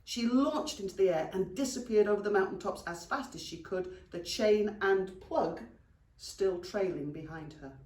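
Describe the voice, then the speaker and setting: With a mid-range voice and moderate pace, a British woman animatedly reads a children's story to young pupils, fondly addressing them in a teacher's storytime manner. The recording is echoey and the microphone sits at a distance.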